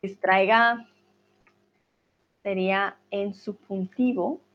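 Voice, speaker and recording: A woman's voice: mid-range voice, fairly even intonation, takes it slowly. A woman teaching a live online grammar lesson, patiently drilling verb conjugations aloud and reassuring her students. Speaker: Spanish teacher. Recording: slightly dull lo-fi sound.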